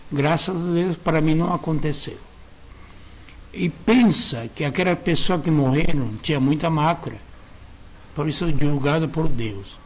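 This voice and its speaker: A reverend giving an earnest sermon-style lecture, speaking in short broken phrases, repeating key words and tagging sentences with questions. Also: male voice, fairly high pitch, moderate pace.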